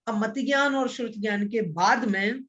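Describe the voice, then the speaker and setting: A man teaching an online scripture class, patiently explaining and repeating points, and chanting Sanskrit verses slowly. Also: high voice, fairly bright tone. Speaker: religious studies teacher.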